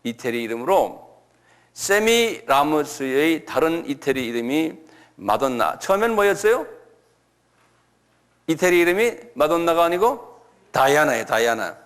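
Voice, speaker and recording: A middle-aged male pastor delivers a sermon as a lecture, speaking slowly in a slightly raised voice. He dwells on key words, repeating them, and keeps turning to his listeners with questions. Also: on the high side, big pitch swings, fairly bright tone.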